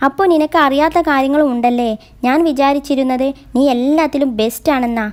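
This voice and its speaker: A woman's voice: high voice, steady tone, fast talker, natural voice. A woman voicing a shy, sweet young woman in love who gets easily flustered, in her own voice. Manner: shy, eager, a little flustered.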